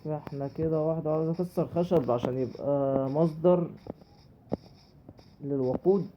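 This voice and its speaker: A man's voice: fairly high pitch, moderate pace, dull audio, noisy background. A man with an Egyptian Arabic accent giving chatty let's play commentary, talking to himself and his viewers as he plays. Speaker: gaming YouTuber.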